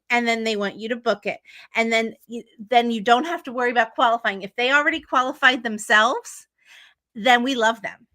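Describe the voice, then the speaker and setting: A woman's voice: fairly high pitch, sharp tone. A woman teaching travel agents how to qualify clients, chatty and upbeat, often checking in with "okay?". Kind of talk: teaching talk to an audience.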